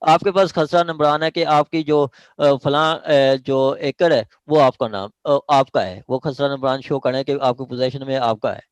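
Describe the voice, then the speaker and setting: Speaking with a Pakistani accent, a man with a somewhat high voice teaches an online law class, repeating points, checking that students understand, and mixing in English legal terms. The recording is dry.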